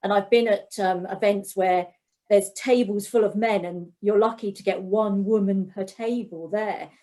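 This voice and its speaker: A woman's voice: mid-range voice, steady tone, unhurried, dark tone. Woman, panelist, reflective, advice-giving. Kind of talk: panel discussion.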